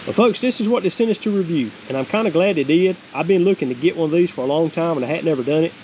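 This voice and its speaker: Racing along in a higher-pitched voice, this forty-something homestead vlogger with a Southern accent rambles through a folksy, casual product review. He's outside at a wooded creek, later on a cabin deck, and the rough recording has a steady, clear background hiss.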